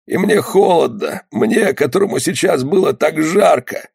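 A man's voice: fairly high pitch, lively intonation, normal speed, vocal fry, darkish tone, slightly rough, dry recording, studio quality, voice pushed up, exaggerated voice. A man reading an audiobook voices a dying wounded ship's skipper who groans weakly and makes grim jokes. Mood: groaning. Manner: weak, groaning, grimly joking. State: dying, short of breath.

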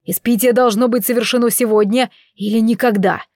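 A woman's voice: a little high, steady tone, fairly quick, darkish tone, no echo, studio quality, lightly acted. A woman reading the part of a stern, domineering elder man with a cold, commanding manner.

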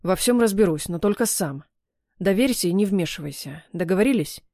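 A woman reading an audiobook, voicing a brooding, possessive young fiancé with a husky, rumbling tone and curt, insistent delivery. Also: animated, a little fast, warm tone, no room sound, studio quality, lightly acted.

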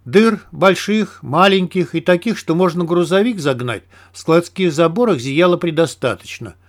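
Man narrating an audiobook, fairly high voice. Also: expressive, normal speed. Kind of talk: scripted first-person audiobook narration.

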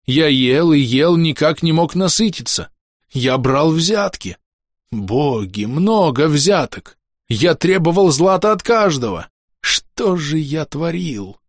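Audiobook figure: a man voicing a hoarse burly guard, higher and slow, dry close sound. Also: lively intonation, no echo, full character voice. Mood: dazed, pleading. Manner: slow, dazed and pleading. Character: burly mustached male guard, freed from a curse.

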